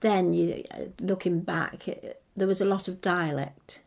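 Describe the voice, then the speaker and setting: Older woman from England, interviewee. Gravelly, husky voice; hesitant, meandering, conversational reminiscence. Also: fairly low pitch, steady tone, unhurried, darkish tone. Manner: hesitant, rambling, circles back to rephrase. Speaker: interviewee recalling local history.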